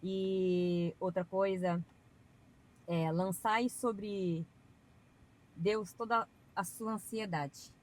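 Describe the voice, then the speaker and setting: A woman's voice: medium pitch, steady tone, very slow, pauses often, darkish tone, low-quality recording. A woman guest on a podcast, talking earnestly and at length about her faith in a casual, chatty way with preachy asides. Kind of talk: casual testimony.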